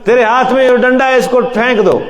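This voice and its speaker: A middle-aged male preacher teaches a Quran lesson in a mosque, speaking with a Pakistani Urdu accent. He shifts between loud, emphatic calls and soft, low asides, chants Arabic verses slowly, and asks his listeners questions.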